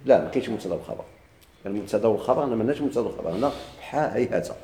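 Fast-talking Moroccan grammar teacher. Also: male voice, on the low side, lively intonation, dark tone, a little hiss or hum. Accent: Moroccan Arabic. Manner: asks questions and answers them himself. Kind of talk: classroom lecture. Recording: echoey room.

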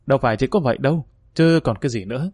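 A man's voice: mid-range voice, animated, very fast, a little mellow, slightly rough, no echo. Young gambling lookout, chatty and rambling, man reading, dry sound. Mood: excited. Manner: rambling storyteller.

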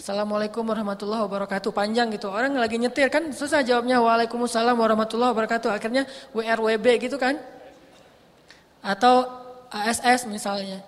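A man's voice: very high voice, steady tone, fast. A male preacher with a lilt giving a casual evening sermon, playful and acting out little dialogues. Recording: long hall reverb.

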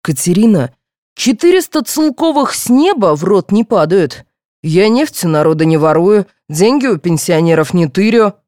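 Woman doing a loud cranky dad yelling at his family, lively sing-song reading, dry sound. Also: mid-range voice, normal speed, dry recording, lightly acted. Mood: stern. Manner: shouting, scolding. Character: irritable blustering father, middle-aged man.

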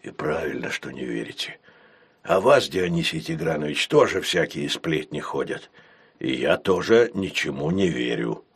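A calm tavern keeper speaks in a deep, soft bass with quiet menace, voiced by a man narrating a storybook. His voice sits low and hushed. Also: normal speed, husky.

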